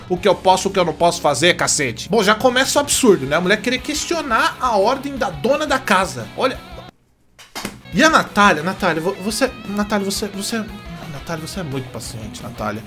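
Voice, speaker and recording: Reading out a story on his show and performing its quoted lines, a young Brazilian man swears and rants with indignation in a Brazilian Portuguese accent. He has a high voice with a fairly bright tone.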